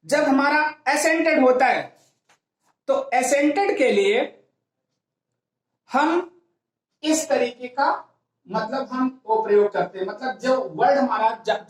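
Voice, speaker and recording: A woman teaching English grammar in a classroom lecture, explaining step by step and asking herself rhetorical questions. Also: high-pitched. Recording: very echoey classroom.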